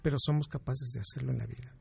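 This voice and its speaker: A man's voice: medium pitch, steady tone, quick pace, creaky, a little mellow, breathy edge. A man, a doctor guest in an interview, giving emphatic advice and explaining with examples.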